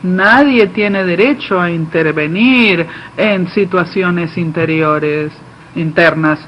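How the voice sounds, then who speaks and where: A man giving live simultaneous interpretation of a political speech, delivered haltingly, phrase by phrase. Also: sits high, a bit bright. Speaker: conference interpreter. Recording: dull lo-fi feed, faint background noise.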